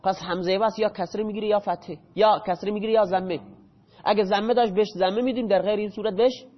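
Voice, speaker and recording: Male teacher, high voice, explains step by step and quizzes the class; muffled recording in a reverberant room. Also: steady tone. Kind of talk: classroom grammar lesson. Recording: dull audio with long hall reverb.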